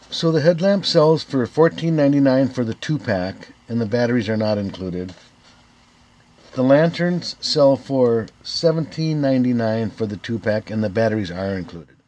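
A man in his fifties, a video host and gear reviewer, narrates a product review to camera in a plain, step-by-step instructional way. His mid-range voice is a little mellow.

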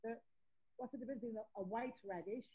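A woman joining a cooking class over a video call, asking questions haltingly while she searches for words. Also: a little high, slightly rough. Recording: dull lo-fi video call audio.

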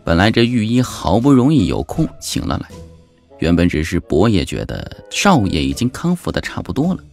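A man narrating an audiobook novel, lively and animated, lifting his voice for excited characters. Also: moderate pace, creaky. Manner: lively storyteller, jumps high for shouting characters. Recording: background music under the voice.

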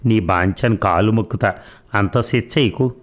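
Playful young husband, teasing and sulky in turns, low voice read by a male narrator. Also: measured pace, natural voice. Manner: playful banter, mock pleading. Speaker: doctor.

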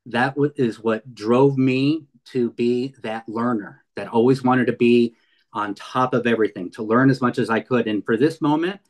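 A guest speaker, a man in his fifties from the San Fernando Valley in California, presents a heartfelt webinar over a video call. His voice is mid-range and moderately paced, and his earnest delivery keeps restarting and filling pauses.

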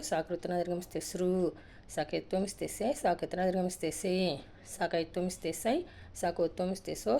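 A woman teacher runs through an alphabet drill at a quick clip, in a repetitive sing-song rhythm. Her voice sits fairly low, with a mellow, gravelly edge. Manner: rapid sing-song drill recitation with brief asides. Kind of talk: reciting a Telugu alphabet lesson.

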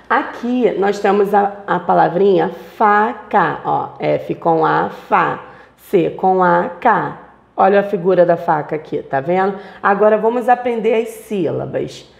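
Slow sing-song woman teacher with a creaky voice. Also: mid-range voice, a little mellow, dull audio. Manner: slow, sing-song, coaxing tone for young children. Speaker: primary school teacher. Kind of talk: remote children's lesson. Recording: echoey room.

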